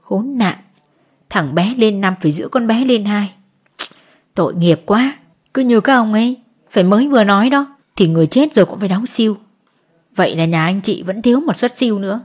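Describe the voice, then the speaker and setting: A woman's voice: mid-range voice, expressive, a little fast, a little mellow, breathy edge. Woman doing kindly fellow prisoners. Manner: kindly, advising. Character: sympathetic fellow prisoners, village men.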